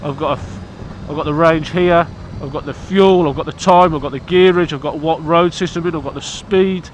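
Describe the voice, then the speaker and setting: The voice is a man's, fairly high in pitch and fairly quick, with a little hiss or hum. He's a British motorcycle vlogger, congested with hay fever, casually rambling about his motorbike to camera outside in a blunt, cheeky style.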